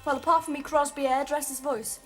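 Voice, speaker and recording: A woman's voice: high voice, fairly quick, lightly acted. An actress playing a cheeky, bossy young woman who teases with dry sarcasm in natural TV comedy-drama dialogue. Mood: dry, mocking. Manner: teasing, wisecracking, deadpan sarcasm. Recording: music and crowd chatter behind.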